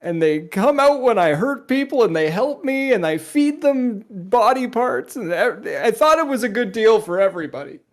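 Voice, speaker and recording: A woman's voice: fairly high pitch, sing-song, moderate pace, few pauses. A woman voicing her player character, pleading innocence in a whiny, defensive way in a tabletop game. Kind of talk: tabletop game role-play.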